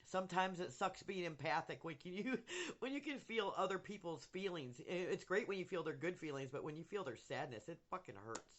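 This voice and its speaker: A man's voice: fairly high pitch, creaky, a bit bright. Middle-aged man, lispy from missing teeth. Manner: candid, rambling, emotionally open. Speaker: content creator updating followers. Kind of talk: casual personal vlog monologue.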